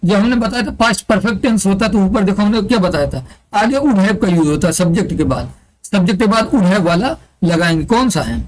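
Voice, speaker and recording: A man's voice: high-pitched, lively intonation, a little fast, low-quality recording. A man teaching an online exam-prep English grammar lesson, explaining step by step and answering his own questions aloud. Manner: asks the class questions and answers them himself, repeating key terms.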